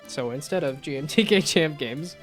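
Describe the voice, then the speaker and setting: Faint music plays behind a man with a fairly high, animated voice who talks at a moderate pace. He's hosting a game livestream, chatting casually and rambling, frequently trailing off mid-thought.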